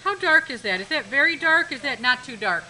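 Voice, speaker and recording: Bright, high-voiced woman teaching art class. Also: animated, fairly quick, a little hiss or hum, poor audio. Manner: instructive, repeats key points, checks understanding. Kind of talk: live classroom demonstration lesson.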